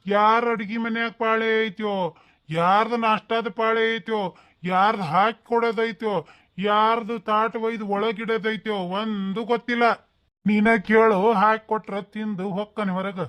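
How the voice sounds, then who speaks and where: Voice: mid-range voice, level tone, normal speed, a bit bright, clear, resonant tone, natural voice. Someone doing a grumbling old village father-in-law. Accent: North Karnataka Kannada. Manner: grumbling, complaining. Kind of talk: cartoon comedy voice acting.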